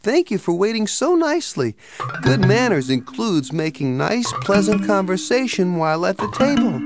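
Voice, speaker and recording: A woman's voice: mid-range voice, sing-song, moderate pace, over music, natural voice. A woman voicing a fussy young boy in a cartoon who lectures and scolds about table manners. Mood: instructive. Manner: scolding, instructive. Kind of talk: cartoon voice acting.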